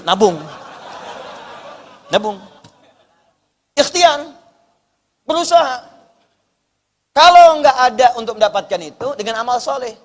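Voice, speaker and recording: A man with a high voice preaches a sermon, moving from hushed storytelling to loud, stressed points. His voice rings in a long reverberant hall. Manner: lively storytelling, swings between quiet asides and loud emphasis.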